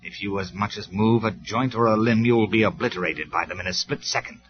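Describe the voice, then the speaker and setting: A narrator voicing a stern, commanding male robot leader in a cassette story, speaking in measured, forceful tones. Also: fairly low pitch, natural voice. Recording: dull lo-fi cassette recording.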